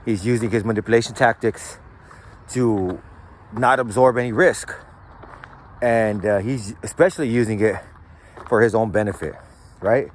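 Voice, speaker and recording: A man's voice: fairly low pitch, normal speed, pauses often, slight background noise. A man hosting a show, speaking in a casual storytelling way that is slangy and profane, with lots of "like" and "right?". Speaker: host.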